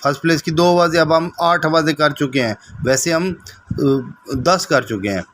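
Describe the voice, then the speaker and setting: A male shorthand instructor in a recorded lecture, with a voice pitched a little above the usual. He explains slowly and keeps repeating points for the students to memorize. A faint hiss of noise sits under him. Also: a bit bright. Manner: explains step by step, drills by repetition, keeps checking with "okay".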